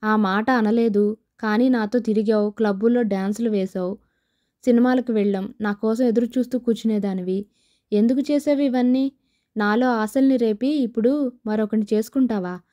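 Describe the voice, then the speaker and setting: A woman's voice: on the high side, steady tone, moderate pace, warm tone, close to an everyday voice. A woman voicing a spurned young man who talks in a pleading, sarcastic way. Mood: bitter.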